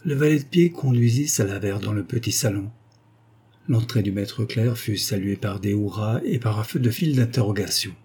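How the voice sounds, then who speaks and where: A man narrating a novel as an audiobook in an even, measured reading. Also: fairly low pitch, breathy edge.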